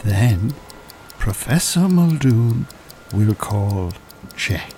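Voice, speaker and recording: In an audio drama, a male actor plays a smooth, calculating Irish con-artist hypnotist, soothing and commanding in a deliberate way. His voice is on the low side, with big pitch swings and heavily acted delivery.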